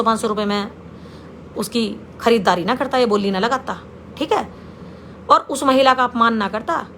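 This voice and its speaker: A middle-aged woman delivers a confrontational public statement. Her voice sits high and sounds sharp and bright. She scolds her rival head-on and speaks to him directly. A faint hiss of noise runs under her voice.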